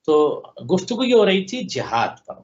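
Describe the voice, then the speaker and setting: Guy doing sermon commentary, stacks up repeated phrases, kinda high voice, dull lo-fi sound. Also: sing-song. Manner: rhetorical, builds long repeated lists of parallel phrases; recites Arabic text slowly, then explains it. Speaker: religious scholar, guest. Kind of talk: sermon commentary on a live TV program.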